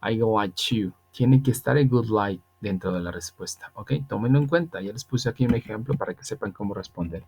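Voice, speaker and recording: Man tutoring English grammar, lower voice. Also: a little mellow, breathy edge. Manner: explaining patiently, slowing down for English examples. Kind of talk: online grammar lesson.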